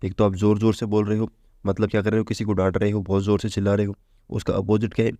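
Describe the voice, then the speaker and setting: Guy teaching vocab, talks chatty, keeps asking and answering himself, lowish dark voice, dry close mic. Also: flat delivery, fast, dry recording. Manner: chatty, asks and answers own questions. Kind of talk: casual Hindi exam-prep lesson.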